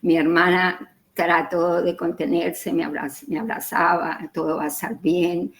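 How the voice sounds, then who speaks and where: A woman's voice: fairly low pitch, little pitch movement, measured pace, poor audio. A middle-aged woman telling her personal story in an interview, acting out the dialogue in quoted voices and repeating words as she goes. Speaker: interview guest.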